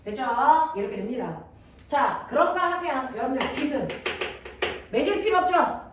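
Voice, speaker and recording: High-voiced woman teaching in an echoey room. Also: big pitch swings, normal speed. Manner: blunt and teasing, checks understanding constantly. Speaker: science teacher. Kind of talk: classroom lecture. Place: classroom with students. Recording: echoey room, distant mic, noisy.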